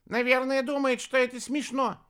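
A man voicing a tiny, shrunken creature chief who yells indignant demands. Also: very high-pitched, level tone, moderate pace, clean tone, voice pushed up. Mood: shrill, indignant. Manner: shouting, indignant.

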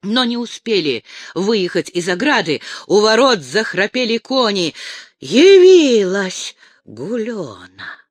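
A man's voice: high-pitched, takes it slowly, dry recording. A man narrating a novel expressively as an audiobook reader. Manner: expressive, voices each character. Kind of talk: dramatic scripted narration.

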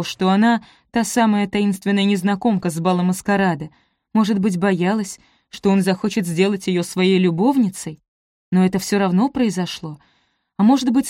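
A woman narrating a romance novel in a measured, expressive reading voice. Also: medium pitch, no echo, studio quality. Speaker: audiobook narrator.

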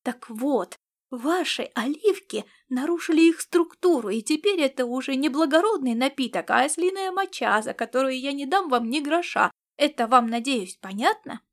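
A woman voicing a tall, picky male spy and gourmet who loudly protests and scolds. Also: high voice, normal speed, few pauses, close to an everyday voice. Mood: indignant. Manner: indignant, loud outbursts.

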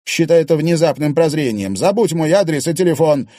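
A man's voice: on the high side, animated, fairly quick, mellow, dry recording, studio quality, pitched above the performer's own voice, lightly acted. A man reading an audiobook, voicing a bitter young man who talks harshly and in clipped phrases. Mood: cold.

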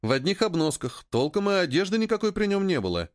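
A man narrating an audiobook in a dramatic, drawn-out way, his voice a little higher than usual with very lively intonation. The recording is dry and close, with no room sound. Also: dry recording. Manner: slows down for drawn-out dramatic phrases. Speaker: audiobook reader.

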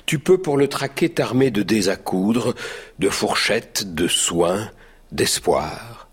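A man's voice: lowish voice, lively intonation, takes it slowly, husky, heavily acted. A man playing a mild, timid baker who tells his woeful story in tears, in a radio drama. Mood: mournful. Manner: lamenting, tearful storytelling.

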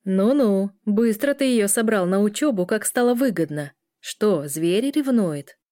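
A woman's voice: medium pitch, animated, a little slow, mellow, no echo, studio quality, natural voice. A woman voicing a playful young man who teases the others with laughing jabs. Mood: teasing.

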